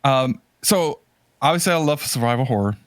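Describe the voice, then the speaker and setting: A man hosts a podcast in a dry recording, his medium-pitched voice animated and moving at a moderate pace. He rambles casually and enthusiastically about retro games and movies.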